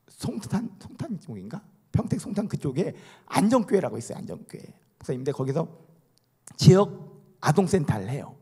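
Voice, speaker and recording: A middle-aged man, a pastor preaching a sermon in a church, animated and often calling out hallelujah. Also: on the high side, slightly rough. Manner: animated, calls for amens and hallelujahs. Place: church sanctuary.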